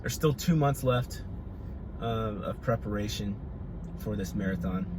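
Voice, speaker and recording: A man's voice: on the low side, unhurried. A man giving a casual, rambling vlog monologue in a conversational way. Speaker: vlogger training for a marathon. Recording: loud vehicle and outdoor ambient noise.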